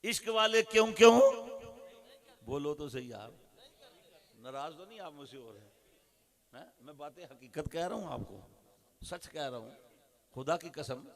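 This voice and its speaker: A man with a Pakistani Urdu accent preaching a sermon, moving from hushed asides to loud, rhythmic refrains. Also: medium pitch, animated, moderate pace, creaky, long pauses.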